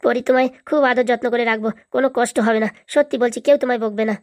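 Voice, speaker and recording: A remorseful young husband pleads with his wife in a cartoon, voiced by a woman. The voice is raised above her own and rushes along. It sounds a touch distant from the mic. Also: on the high side, fairly even intonation, voice pushed up, natural voice. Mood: apologetic. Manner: pleading, earnest. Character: apologetic young husband begging his wife's forgiveness. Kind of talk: cartoon voice acting.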